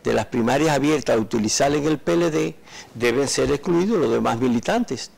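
An older man, a political party delegate, explaining in a measured way during a TV studio interview, recorded on a lapel mic. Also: medium pitch, animated, creaky, darkish tone, rough recording. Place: TV studio set.

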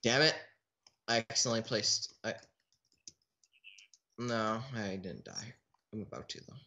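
A man's voice: fairly low pitch, very animated, a little slow, vocal fry, pushed and bright. A man giving casual let's play commentary, chatting in a restless way with a teammate who cannot be heard. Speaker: gaming channel host.

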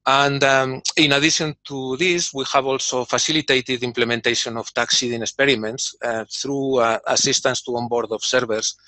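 This industry representative's keynote, read from a script over a video call, comes in a steady, sharp, mid-range voice at normal speed with hardly any pauses. The recording has no echo, and he uses many fillers and repeated words.

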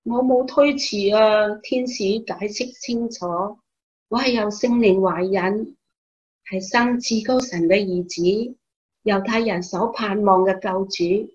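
An actress with a Hong Kong Cantonese accent playing a calm, devout mother in a Bible radio drama, telling her story in a measured, expressive way. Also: mid-range voice, dull audio, close to an everyday voice. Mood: solemn, trusting.

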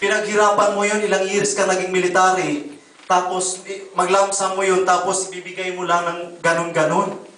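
A man preaching a sermon as pastor, telling testimonies in an animated way and calling listeners brother and sister. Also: sits high, normal speed. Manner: animated, voices quoted people, addresses congregation as brother and sister. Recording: echoey room, voice from a distance.

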